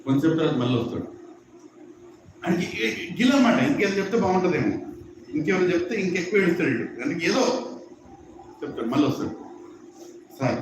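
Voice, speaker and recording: A man giving a satsang talk, telling a joking story as an animated storyteller. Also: a little high, fast, long pauses, far from the mic. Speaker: satsang speaker. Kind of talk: storytelling sermon, Telugu mixed with English. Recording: echoey hall from afar, dull, noisy.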